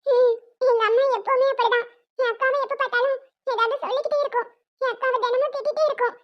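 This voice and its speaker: Woman doing a squeaky earnest cartoon boy. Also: fairly even intonation, quick pace. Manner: earnest, pleading. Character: small loyal boy, defends his sister. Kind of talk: cartoon voice acting. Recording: dull lo-fi sound.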